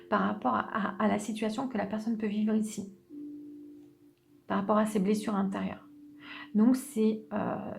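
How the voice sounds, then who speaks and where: A woman giving an unscripted tarot reading, speaking gently and hesitantly, with many restarts. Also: on the high side, creaky, slight background noise. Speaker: tarot reader.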